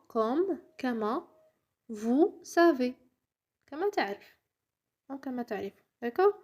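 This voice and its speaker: A woman's voice: a little high, darkish tone. Encouraging woman teaching French. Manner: patient, encouraging, often checks understanding with "d'accord?"; drops into whispers to model pronunciation. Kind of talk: casual language lesson, switching between French and Arabic.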